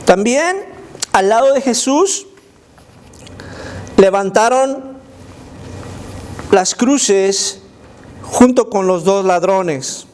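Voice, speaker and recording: A male children's pastor leads a Bible story lesson for kids. His voice sits high and his pace is unhurried. He tells it with emphatic energy and mixes stray English words into his Spanish. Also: slight background noise. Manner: animated and emphatic, inviting listeners to imagine.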